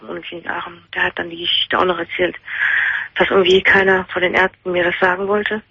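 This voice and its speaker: A woman calling into a late-night radio show, recounting a loss haltingly through her grief. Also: on the low side, flat delivery, sharp tone, husky, dry recording. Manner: halting, grief-stricken retelling. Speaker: caller. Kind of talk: late-night call-in conversation. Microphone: telephone. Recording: dull phone line on radio.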